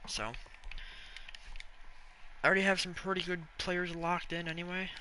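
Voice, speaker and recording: A young man live-streaming a video game, rambling casually to viewers and breaking into excited yelling and swearing. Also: high voice, normal speed, a little hiss or hum, low-quality recording. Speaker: gaming streamer.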